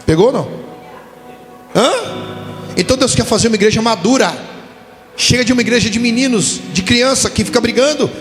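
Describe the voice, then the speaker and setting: A Brazilian pastor with a very high voice preaches a sermon at a church conference hall, talking fairly quickly but with long pauses. He tells stories animatedly, acting out the voices he quotes, in a reverberant hall with music behind.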